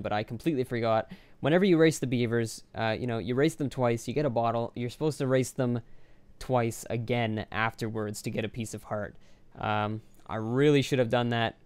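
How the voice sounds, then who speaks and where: Offhand, flat-voiced young man gaming. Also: medium pitch, smooth, no room sound. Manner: rambling, offhand, self-deprecating. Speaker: Let's Play commentator. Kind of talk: casual gameplay commentary.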